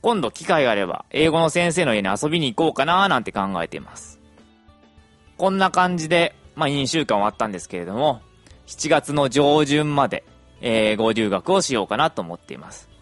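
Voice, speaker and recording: Young male podcaster, casual and talkative, very animated pitch, soft music in the background. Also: fairly quick. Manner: chatty, lively intonation, many fillers.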